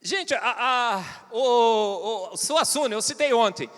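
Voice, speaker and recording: Brazilian guy joking his way through a church talk, high voice that jumps all over, big echoey hall. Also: animated, takes it slowly, fairly bright tone. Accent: Brazilian Portuguese. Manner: joking, irreverent, addresses the audience directly. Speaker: conference speaker. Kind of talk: humorous church conference talk. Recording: long hall reverb.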